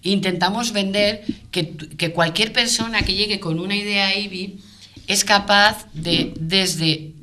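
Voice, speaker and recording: In a panel debate, a woman representing business speaks off the cuff, emphatic but frequently stalling and repeating words as she searches for the right phrasing. Her mid-range voice holds a steady tone over a noisy background.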